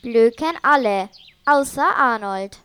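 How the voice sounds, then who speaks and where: A woman narrating a children's story in a gentle, even way. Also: on the high side, slow, smooth.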